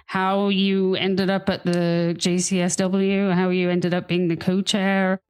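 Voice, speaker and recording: A woman's voice: fairly low pitch, level tone, measured pace, clean tone. A woman hosting an interview, introducing guests in a friendly, conversational way. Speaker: interview host.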